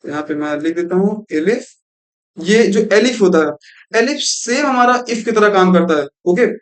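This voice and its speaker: In this screen-recorded coding lesson, a young male tutor speaks in a high voice with lively intonation and an unhurried pace. He walks through each step, sprinkling in English terms and saying "thik hai" again and again.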